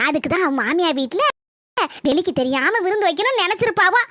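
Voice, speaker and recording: A woman voicing a nosy village gossip who pries and hints in a drawn-out, insinuating way in a cartoon comedy. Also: very high-pitched, sharp tone, dry recording, studio quality.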